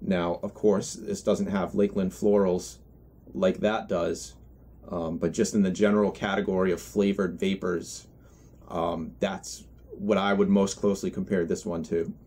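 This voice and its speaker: Low-voiced man giving a halting review. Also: little pitch movement, a little mellow. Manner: halting, reflective, with trailing self-corrections. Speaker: pipe tobacco reviewer. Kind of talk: unscripted review monologue.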